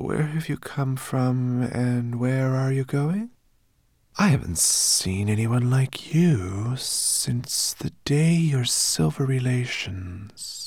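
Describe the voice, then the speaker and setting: Guy doing a sly sea serpent lady, slow hissy whisper, sing-songy. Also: medium pitch, no echo, clean studio sound, voice pushed up. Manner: soft sing-song hissing, whispery. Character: ancient female sea serpent, sly and amused.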